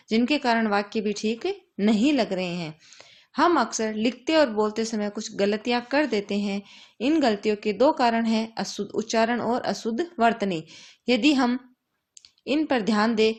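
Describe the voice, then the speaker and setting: Woman, teacher, slightly high voice, patient, slow and clear, asks and answers her own questions. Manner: reads worksheet items aloud in a steady, measured way. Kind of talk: grammar lesson for young children.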